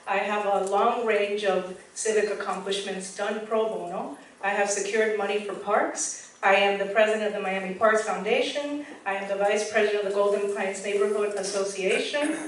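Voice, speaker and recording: A woman's voice: medium pitch, far from the mic, slight background noise. Woman speaking in an echoey hall. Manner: brisk, listing credentials. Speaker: candidate, educator and radio producer. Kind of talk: public speech.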